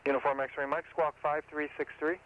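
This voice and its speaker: A man's voice: on the high side, little pitch movement, brisk, narrow, tinny audio. A man giving clipped, procedural tower instructions to pilots over the radio. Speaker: airport tower controller. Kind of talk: air traffic control radio instructions. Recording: noisy, crackling air traffic radio.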